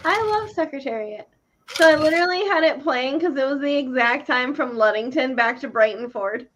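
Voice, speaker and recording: A woman's voice: high voice, normal speed, fairly bright tone, slight background noise. A woman in her thirties who works at a car dealership, bubbly and giggly in casual chat. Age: 30s. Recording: dull lo-fi sound.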